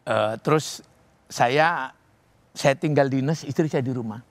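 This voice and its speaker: A man's voice: medium pitch, measured pace, no room sound. A man, a police officer from Java, telling earnest stories. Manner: earnest storytelling, often addresses the interviewer directly. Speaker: police officer running a rehabilitation home.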